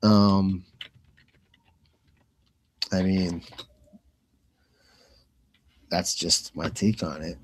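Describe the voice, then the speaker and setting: This radio commentator has a deep, husky voice, drawing out his words and leaving long pauses as he calls a fight live. His style is loose and wandering, with phrases often repeated while he thinks out loud.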